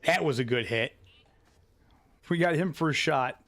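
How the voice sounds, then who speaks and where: Man, young adult, higher voice, casual gameplay commentary, muttered asides. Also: unhurried, fairly bright tone. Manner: laid-back, muttering asides. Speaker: streamer.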